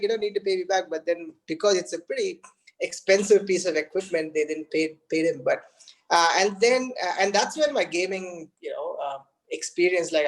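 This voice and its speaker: A game developer from India, whose first language is Tamil, speaks English with an Indian accent as a guest in a casual conversation. His voice is high and the recording rough. He talks haltingly, with lots of restarts and fillers.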